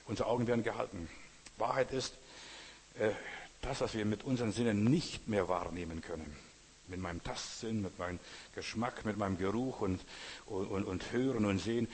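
A man preaching as a pastor, emphatic, repeating phrases and rising to loud exclamations. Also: on the low side, moderate pace, a little hiss or hum. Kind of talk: sermon. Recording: long hall reverb.

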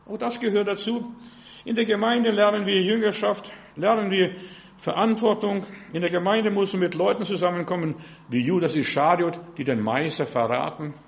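A man's voice: high-pitched, fairly even intonation, moderate pace, gravelly. An older man preaching as a pastor, emphatic and peppered with rhetorical questions to his listeners. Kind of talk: sermon.

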